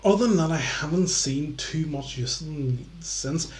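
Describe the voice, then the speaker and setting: A drunk man with a fairly high-pitched voice hosts a casual live stream. He rambles, repeats himself and swears freely. The sound is roomy and echoey. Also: measured pace. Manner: sweary, stumbling over and repeating words.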